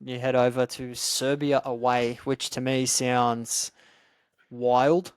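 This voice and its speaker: A man interviews in a casual, conversational style, with a smooth, clear voice at medium pitch. He is attentive and colloquial as he hosts. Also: little pitch movement, slow pace. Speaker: interviewer, host.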